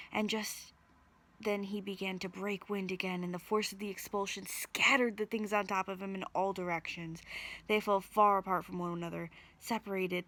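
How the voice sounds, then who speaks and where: A woman's voice: medium pitch, vocal fry, fairly bright tone. A woman reading a folk tale aloud as a storyteller, in a narrated storybook style.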